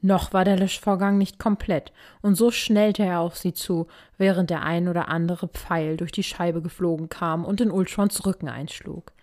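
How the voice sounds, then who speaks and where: A woman narrating a fan fiction story in an even, steady reading voice. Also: fairly low pitch, moderate pace, few pauses.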